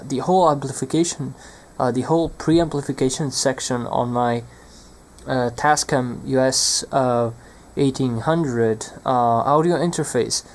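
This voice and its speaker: A medium-pitched young man gives an unscripted, hands-on electronics demonstration, speaking hesitantly as he searches for words.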